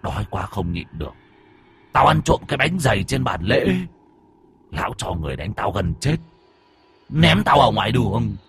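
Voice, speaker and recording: A man's voice: big pitch swings, moderate pace, pauses often, husky, heavily acted. Vengeful shrieking ghost boy, a man putting it on. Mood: bitter. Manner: snarling, swings from hissing low to shrieking. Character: vengeful ghost of a murdered orphan boy monk.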